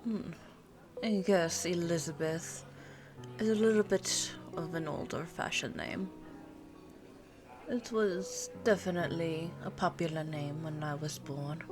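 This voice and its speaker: With a lowish, lightly acted voice, the woman performs an intimate ASMR scene as a worldly, teasing vampire girlfriend of pure blood who never ages and appears twenty-nine. Her pace is slow and thoughtful, with little hums before replies, set against gentle music and cafe ambience.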